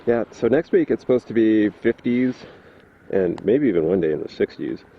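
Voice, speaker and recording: Man, very deep voice, rambling motovlog chat, muffled helmet mic, faint road noise. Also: animated, normal speed. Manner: rambling, easygoing, thinks aloud. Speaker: motorcycle vlogger. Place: outdoors riding a motorcycle.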